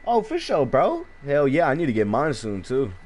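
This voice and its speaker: A man's voice: medium pitch, huge pitch swings, moderate pace, a little mellow. A man streaming gameplay, talking to his chat in a slangy, casual way full of swearing. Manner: slangy, swears a lot, chats with viewers.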